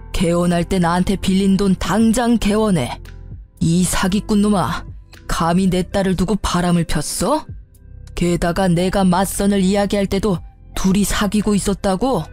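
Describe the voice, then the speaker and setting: A woman voicing a furious middle-aged father who shouts insults and demands at his cheating son-in-law. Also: mid-range voice, steady tone, measured pace, faint music behind, close to an everyday voice.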